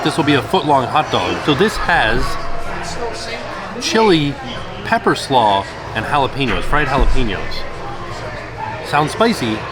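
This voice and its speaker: A man chatting casually and enthusiastically as he vlogs a food and merch review. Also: mid-range voice. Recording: loud music and busy outdoor crowd behind. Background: loud music, crowd.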